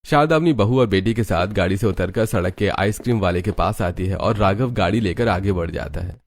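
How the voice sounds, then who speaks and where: A man narrating a family cartoon story in a scripted, even storytelling style. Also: lowish voice, a little fast, no echo, studio quality.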